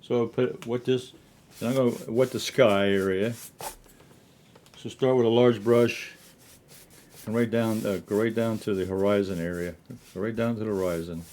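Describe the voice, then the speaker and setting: Low-voiced man teaching watercolor, halting delivery. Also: steady tone, a little mellow. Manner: halting, repeats himself. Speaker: watercolor painting instructor. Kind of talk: casual painting tutorial. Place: painting studio.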